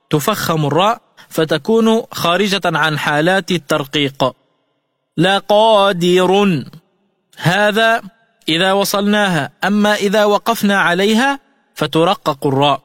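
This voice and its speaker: Male recitation teacher, high voice, patient step-by-step delivery, dry close sound with lingering reverb. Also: fairly bright tone. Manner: methodical, repeats each rule slowly. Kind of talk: radio lesson explaining recitation rules. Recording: studio radio voice with long reverb.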